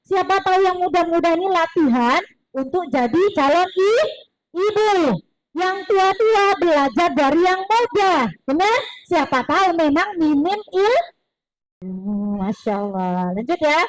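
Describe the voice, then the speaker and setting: A woman giving a religious parenting talk in a lively, chatty way, slipping in words and acting out other people's lines. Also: extremely high pitch, dry recording, low-quality recording. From East Java. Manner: lively, chatty, mixes Javanese words, acts out voices of others. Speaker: parenting seminar speaker. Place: mosque hall.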